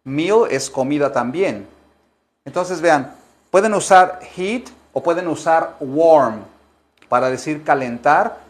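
A man gives an English lesson to Spanish speakers in a slightly high, unhurried voice. He keeps urging the class to repeat after him. He slows down to stress each English word. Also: animated. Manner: coaxing, repeats words for students to echo. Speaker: English teacher.

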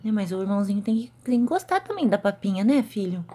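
A woman's voice: medium pitch, big pitch swings, quick pace, warm tone. A woman with a Brazilian Portuguese accent, a mother of twins chatting casually in a home vlog and talking sweetly to her babies.

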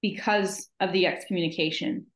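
A woman in her thirties makes her points with earnest emphasis, her voice sitting on the lower side. She joins over a video call from a home office, and the sound carries a noticeable room echo. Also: fairly even intonation, moderate pace. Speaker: podcast co-host. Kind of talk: casual conversational chat.

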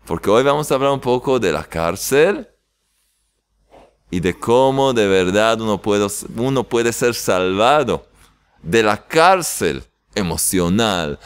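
Animated man telling a joke in a lesson. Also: fairly low pitch. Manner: animated storyteller, laughing at his own joke. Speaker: rabbi teacher. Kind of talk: weekly Torah lesson with a joke. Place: yeshiva in Jerusalem.

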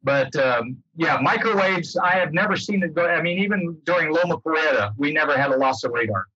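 An older American man, once an air traffic controller and now a guest speaker, explains things casually over a video call, rewording himself as he talks. His voice sits on the high side, bright, forceful and husky, with lively intonation and a fairly quick pace. He's in a book-lined room at home, picked up by a computer mic, and the sound is dull, roomy and lo-fi.

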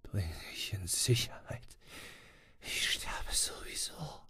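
A man voicing a gravely injured male adventurer who murmurs weakly and fades into whispers, in an audiobook reading. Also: mid-range voice, takes it slowly, dry recording. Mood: weak, fading. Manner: weak, murmuring, fading to a whisper. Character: dying male adventurer friend, weak and faint.

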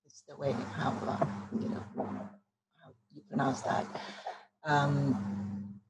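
A woman in her sixties with a Thai accent gives a halting online artist talk, searching for words. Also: rumbling low, little pitch movement. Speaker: artist presenting her work. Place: small book-lined room at home. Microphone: computer mic on video call. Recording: noisy home video-call microphone.

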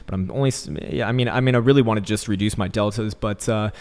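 A man's voice: on the low side, fairly even intonation, fast talker, a little mellow, clear, resonant tone. A man giving casual, rambling market commentary with jokey, coarse slang, recorded in a bare echoey room like a warehouse. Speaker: host of crypto trading channel. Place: indoors, untreated hard-walled room.

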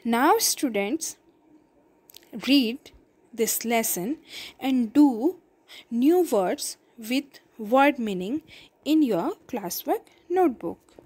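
A woman's voice: on the high side, expressive, extremely slow, a little mellow. A woman teacher reading a story aloud to her class and explaining the meanings of words. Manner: clear, explaining word meanings.

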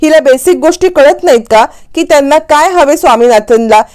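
A woman's voice: high voice, lively intonation, fairly quick, darkish tone, voice pushed up. A woman voicing an angry young businessman who scolds his staff in a serial retelling. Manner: irritated and scolding.

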